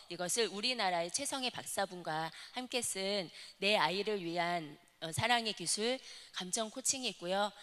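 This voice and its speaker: Woman, deacon, explanatory lecture, quizzes the audience, mid pitch, echoing church hall. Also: a bit bright. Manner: explanatory, asks the audience questions. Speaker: church deacon giving a talk. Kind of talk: lecture to a congregation. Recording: long hall reverb.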